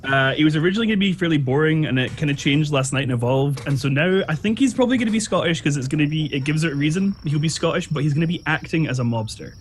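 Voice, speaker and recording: Man, game player, casual chat, rambling, thinking aloud, higher voice, faint hiss. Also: animated, rapid-fire, hardly any pauses.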